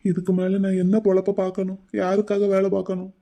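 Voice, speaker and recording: A man voicing a grieving older brother in an animated drama, speaking in a mournful, hopeless way. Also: high voice, quick pace. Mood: despairing. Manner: despairing, mournful.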